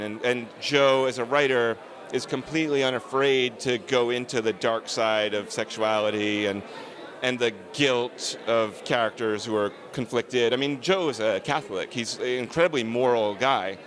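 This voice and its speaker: A man's voice: mid-range voice, a bit bright. A man, a film director, answering interview questions on a red carpet in an earnest, emphatic, discursive way.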